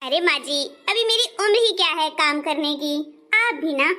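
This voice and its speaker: A woman's voice: high voice, lively intonation, normal speed, pushed and bright. A woman playing a cheeky, lazy young daughter-in-law who talks back in a comic family skit.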